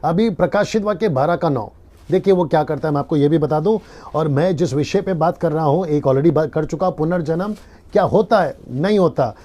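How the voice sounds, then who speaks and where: Pastor, male, mellow dark tone, live-stream sermon, earnest teacher. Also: fairly high pitch, moderate pace. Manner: earnest teaching, repeats key lines, quotes scripture.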